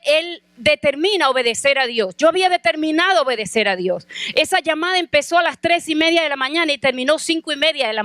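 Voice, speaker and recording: A pastor's wife preaching a sermon, telling a personal testimony and asking the congregation questions directly. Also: female voice, high voice, a bit bright, dry recording.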